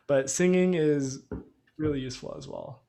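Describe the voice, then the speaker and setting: A man's voice: fairly high pitch, moderate pace, mellow. A man co-presenting a music workshop, giving brief tips and handing the topic over to his co-host. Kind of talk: instructional explanation.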